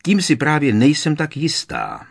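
A man reading aloud, voicing a protective, anxious mother who scolds and pleads in a raised, shrill voice. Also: huge pitch swings, gravelly, exaggerated voice. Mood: indignant. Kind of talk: audiobook character voice.

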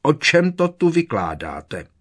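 A man's voice: mid-range voice, huge pitch swings, a bit bright, husky, pitched above the performer's own voice, exaggerated voice. A man putting on a sneering stern professor. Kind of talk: audiobook character voice.

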